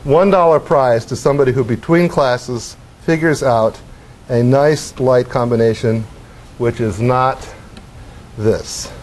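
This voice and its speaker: A middle-aged man giving a university lecture in a lecture hall, animated as he acts out motion and tosses wry questions to the class. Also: medium pitch, slow, slight background noise. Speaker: professor.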